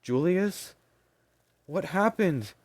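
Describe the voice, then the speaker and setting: A man's voice: on the high side, steady tone, unhurried, a little mellow, pitched above the performer's own voice. A man reading an audiobook, voicing an anxious, tearful young woman who pleads urgently. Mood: alarmed.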